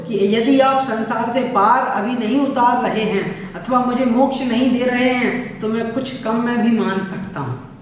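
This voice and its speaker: A man's voice: high voice, slight background noise. Patient male teacher in an echoey room. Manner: patient, repeats words slowly for practice. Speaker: religious teacher. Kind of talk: scripture pronunciation lesson. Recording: echoey distant room recording.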